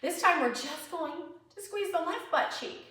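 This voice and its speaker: A woman's voice: very high-pitched, animated, normal speed, bright, forceful tone. A woman teaching a chair yoga class, guiding each move with breath cues in an encouraging, chatty way with small laughs. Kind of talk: guided exercise instruction. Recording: echoey room, mic at a distance.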